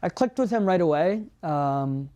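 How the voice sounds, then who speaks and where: A man's voice: on the high side, a little slow, heavy background noise. A young man from Ontario, talking about his housemates in a documentary interview, in a loose way with many fillers. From Ontario, Canada. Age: young adult. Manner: relaxed, talks with many fillers.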